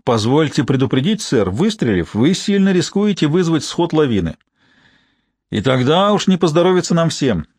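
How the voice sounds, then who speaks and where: A man's voice: a little high, very animated, normal speed, a little mellow, breathy edge, no echo, voice pushed up, heavily acted. Proud wealthy man, a little drunk, strained courtesy, read by a male narrator; dry close sound. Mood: strained polite. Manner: strained politeness. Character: rich tipsy man, proud, forced cheer.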